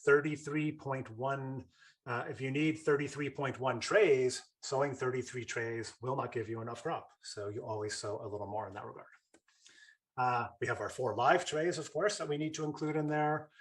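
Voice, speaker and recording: A man presenting an online lesson in a casual, chatty way, full of fillers and restarts. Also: medium pitch. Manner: chatty, with fillers and repeated starts. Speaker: webinar presenter.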